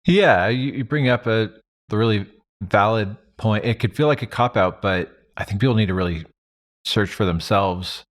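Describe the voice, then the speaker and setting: A man's voice: lowish voice, normal speed. A man talking in a casual roundtable, telling reflective stories with many fillers and restarts. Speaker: podcast host and advantage player.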